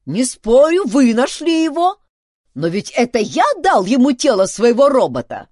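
A woman's voice: mid-range voice, wildly swooping pitch, unhurried, darkish tone, husky, dry recording, studio quality, pitched above the performer's own voice, heavily acted. A woman voicing a stubborn man who protests and argues with raised voice. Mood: protesting. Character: stubborn determined man, adventurer.

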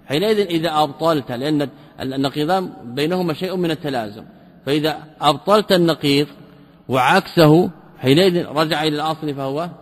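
A man teaching a lesson, reading a classical text passage by passage and explaining it, asking rhetorical questions and repeating key terms slowly. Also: on the high side, big-room sound. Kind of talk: line-by-line commentary lesson.

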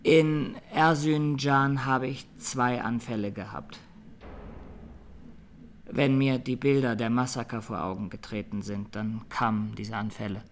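This mid-range male voice belongs to an actor portraying a haunted, plain-spoken young Armenian defendant testifying in measured fashion in a radio courtroom play. The tone is steady and natural, the mood troubled, with a slight hiss or hum on the recording.

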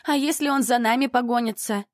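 A woman's voice: fairly high pitch, fairly quick, no room sound, voice pushed up, lightly acted. A woman voicing a timid fair-haired teenage girl who pleads and worries, in a dry-sounding recording. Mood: worried.

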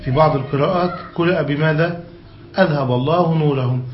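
Male grammar teacher with a fairly high voice, reading a text aloud and explaining it to a class, often asking whether they follow; echoey, muffled recording. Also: fast talker, soft background music. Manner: keeps checking that students follow; reads passages aloud, then explains them. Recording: echoey, dull lo-fi room recording with faint hiss.

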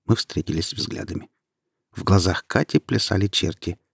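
A man with a low, husky voice reading an audiobook aloud. He narrates at a steady, even storytelling pace. The recording is dry and close, with no room sound. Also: normal speed, no echo.

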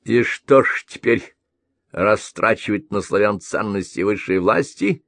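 A man's voice: fairly low pitch, lively intonation, unhurried, gravelly, a bit bright, no echo, heavily acted. A man voicing a sneering, grumbling immortal male figure in a turban.

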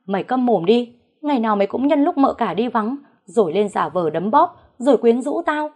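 A woman's voice: medium pitch, animated, normal speed, a little mellow, natural voice. A woman playing a cowardly cheating husband. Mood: defensive. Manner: begging, blame-shifting. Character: cheating eldest son, young man, cowardly and pleading.

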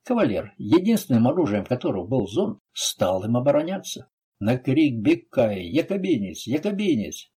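A man reading an adventure novel aloud as an audiobook narrator, with expressive storytelling. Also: medium pitch, normal speed, slightly rough. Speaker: audiobook reader. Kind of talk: scripted narration.

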